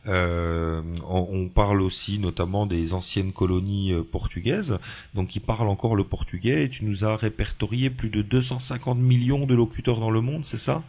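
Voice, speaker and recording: A man's voice: on the low side, fairly even intonation, moderate pace, a little mellow. A man hosting a school radio show, patiently prompting his guests and repeating their answers back to them. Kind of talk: casual radio interview.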